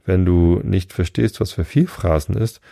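A man doing a gruff, bossy griffin. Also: low-pitched, moderate pace, dark tone, no echo, clean studio sound. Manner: curt, bossy and exclaiming. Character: gruff impatient male griffin creature.

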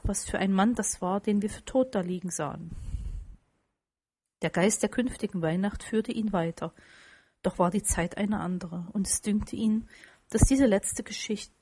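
A woman narrating a classic story aloud, giving the dialogue soft, quiet voices. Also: medium pitch, husky. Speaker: audiobook reader. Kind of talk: scripted narration.

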